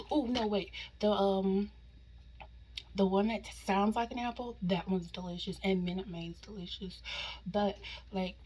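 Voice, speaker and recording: A woman hosting a casual mukbang, chatting informally and slangily to viewers as she eats, often slipping into soft, hushed asides. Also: medium pitch, slightly rough. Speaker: mukbang host eating on camera. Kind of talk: casual mukbang chat to viewers while eating.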